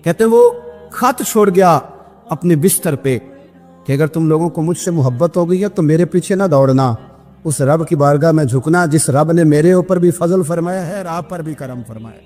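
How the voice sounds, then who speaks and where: Man, preacher, from Pakistan, emphatic storytelling sermon, soft music behind. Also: big pitch swings. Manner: emphatic, voice climbs high at emotional peaks. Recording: long hall reverb with music behind.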